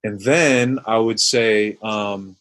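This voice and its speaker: A man's voice: lowish voice, takes it slowly, a bit bright. A man answering interview questions in a reflective, searching way, full of fillers and restarts, now and then acting out his own inner voice. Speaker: guest, former basketball player and mindfulness coach.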